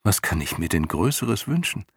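A man's voice: low-pitched, very animated, moderate pace, slightly rough, no echo, clean studio sound, pitched above the performer's own voice, full character voice. A man voicing a humble, timid aging female mule who talks meekly and with worry. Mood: wistful. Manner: meek, worried, startled.

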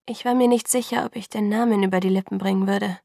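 A woman narrating a first-person novel in an even, intimate storytelling manner. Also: medium pitch, fast talker, vocal fry, no echo, clean studio sound. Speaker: audiobook narrator.

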